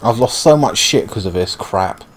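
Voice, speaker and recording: A man's voice: fairly low pitch, lively intonation, normal speed, background noise. A man giving casual, rambling, sweary commentary as he plays a video game. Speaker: gaming video host.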